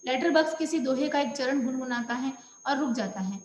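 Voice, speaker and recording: Brief: woman teacher explaining a lesson to a class, high voice, echoey room with faint noise. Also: brisk, darkish tone. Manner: explaining words one by one. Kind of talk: explaining a school lesson to children.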